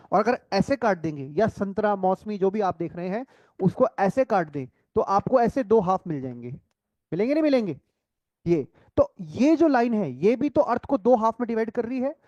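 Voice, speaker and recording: A man with a high voice gives a classroom lecture, asking questions aloud and answering them himself. He repeats each key term, letting the answer drop low. The recording is dry and close. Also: mellow, no room sound, highs cut off. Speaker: coaching-class teacher.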